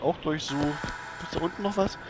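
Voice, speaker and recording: A man's voice: fairly high pitch, a little fast, noisy background. A man hosting a let's play, giving casual gaming commentary in a chatty way and talking both to himself and to the game character.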